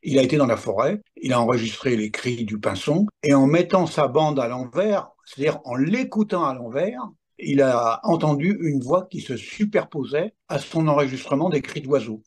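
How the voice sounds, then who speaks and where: A man's voice: mid-range voice, lively intonation, moderate pace, husky. A man in his seventies gives a personal testimony in an interview, telling it emphatically with little asides. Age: 70s. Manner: emphatic storyteller, adds asides like "hein, attention". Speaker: interviewee recounting paranormal experiences.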